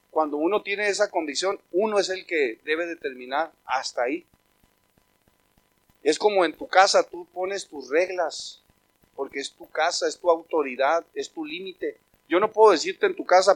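A pastor with a high, bright-sounding male voice, delivering a sermon to his congregation. He talks in a loose, conversational way, then lifts his voice loudly when he calls out as God.

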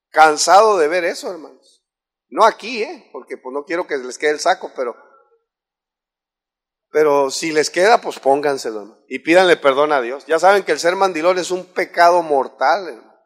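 A Mexican pastor delivers a sermon in a notably high voice for a man. He peppers his congregation with rhetorical questions, rising loud and then dropping low. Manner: preachy, many rhetorical questions, swings between loud and soft.

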